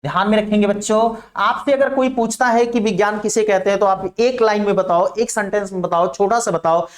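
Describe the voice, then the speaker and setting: A man's voice: high voice, fairly even intonation, fairly quick. A man teacher giving an online classroom lecture, repeating and emphasizing key phrases.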